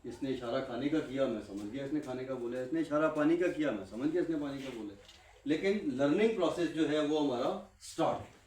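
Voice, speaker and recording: A man's voice: mid-range voice, a little mellow. A man giving an impassioned classroom talk to trainees, asking rhetorical questions and answering them himself with lots of repetition. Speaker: guest speaker addressing trainees. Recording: echoey room, mic far off.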